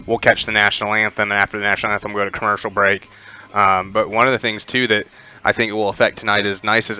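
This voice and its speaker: A man giving conversational pregame football commentary, with lots of filler words and animated storytelling. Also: lowish voice, smooth. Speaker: sports commentator.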